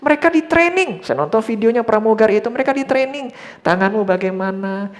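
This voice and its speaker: Preaching a church sermon in story form, a male pastor speaks at an extremely high pitch, fast and with lively intonation. He often turns to his listeners, calling them brothers and sisters, and drops English phrases into his talk.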